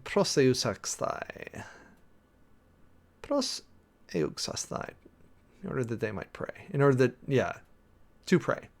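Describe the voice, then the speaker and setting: Male preacher, creaky gravelly voice, casual rambling sermon-prep talk with fillers. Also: medium pitch. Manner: rambling, thinking aloud with many fillers and restarts; reads and parses Greek text slowly.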